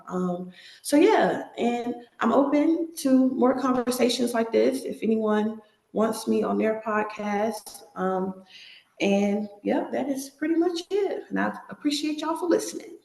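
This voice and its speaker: A young woman talks casually as an interview guest. Her voice has a noticeable creak and bounces off the bare walls of an echoey, empty apartment. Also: mid-range voice, lively intonation, measured pace, a little mellow. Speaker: podcast guest. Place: empty, newly moved-into apartment.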